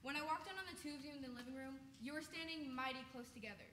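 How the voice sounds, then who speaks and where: A woman acting out a sharp-tongued housekeeper in a stage mystery, folksy and scolding, with a high, bright voice. The sound echoes around a hall over a faint hiss. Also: racing. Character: blunt protective older housekeeper.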